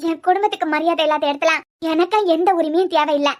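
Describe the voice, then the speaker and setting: Woman voicing a shrill defiant young wife. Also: quick pace, a little mellow. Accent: Kanyakumari Tamil. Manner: reproachful, lecturing, defiant. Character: young wife, proud, fiercely defends her family. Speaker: cartoon character. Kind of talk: cartoon web series dialogue.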